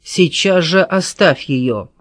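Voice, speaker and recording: A woman reading an audiobook, voicing a jealous, domineering man who shouts and snarls orders. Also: low-pitched, lively intonation, slow, no room sound, studio quality, full character voice. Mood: furious.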